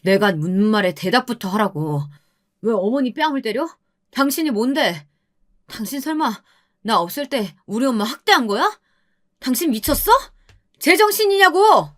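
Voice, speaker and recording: Woman as a furious husband, sharp accusing questions, radio-drama story. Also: fairly high pitch, very animated, normal speed, pitched above the performer's own voice. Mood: angry. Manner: angry, accusing shouts. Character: angry husband shocked by his wife.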